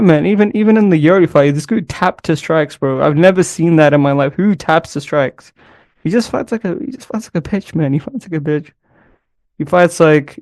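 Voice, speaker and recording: A man's voice: fairly high pitch, a little mellow, smooth, dry recording, studio quality. A man commentating casually on mixed martial arts, rambling and loose, with lots of slang fillers. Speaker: MMA commentator.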